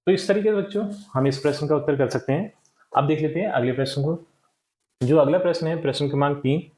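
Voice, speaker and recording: A man's voice: on the high side, a little mellow. Echoey patient man teaching children. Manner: patient, checks with repeated "ठीक है" and questions. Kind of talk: explaining a textbook lesson to children.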